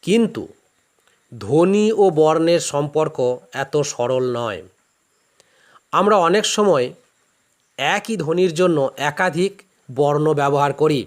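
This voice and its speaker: A man's voice: fairly high pitch, lively intonation, slow pace, long pauses. A male teacher with a Bangladeshi Bengali accent giving a classroom lecture, explaining patiently step by step with examples.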